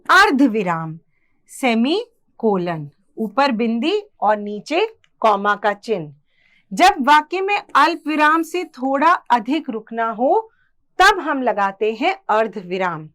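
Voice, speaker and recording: Slow, lively-voiced woman teaching children. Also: on the high side. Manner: patient, explains slowly with examples and questions to the class. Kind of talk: grammar lesson for children.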